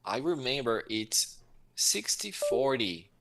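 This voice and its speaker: A man's voice: mid-range voice, very animated, slow, a bit bright. A man with a Brazilian Portuguese accent, co-hosting an online English lesson in a friendly, chatty way. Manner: friendly, chatty, comments on pronunciation. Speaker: co-host. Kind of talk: casual chat in an online lesson.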